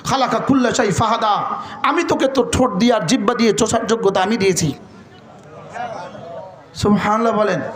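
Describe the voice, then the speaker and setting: A man's voice: very high-pitched, fairly bright tone, reverberant. A man preaching a fiery sermon, chanting Arabic verses and calling out questions to the crowd. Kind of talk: Bengali waz sermon.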